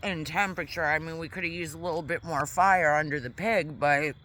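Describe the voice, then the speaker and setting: Bright-voiced woman chatting outdoors. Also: low voice, fairly quick. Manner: chatty, rambling, eating while talking. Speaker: vlogger. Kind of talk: casual vlog chat. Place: outdoors in a quiet park. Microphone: camera mic.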